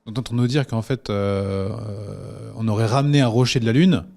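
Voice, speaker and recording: A man's voice: lowish voice, fairly quick, gravelly, darkish tone. A man hosting a casual interview podcast, asking curious, hesitant follow-up questions. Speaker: host.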